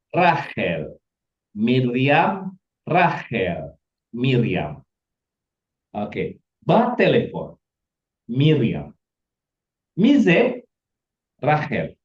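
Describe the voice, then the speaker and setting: Lively male Hebrew teacher, echoey lo-fi. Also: medium pitch, extremely slow, long pauses. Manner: animated, acts out dialogue lines in playful voices. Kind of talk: online language lesson. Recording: echoey, dull lo-fi audio.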